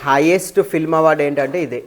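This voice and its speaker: A woman's voice: sits low, quick pace, crowd noise. Woman teacher who keeps asking "okay?". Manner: keeps checking "okay?", mixes English terms in. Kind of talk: exam paper explanation class. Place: live class with students.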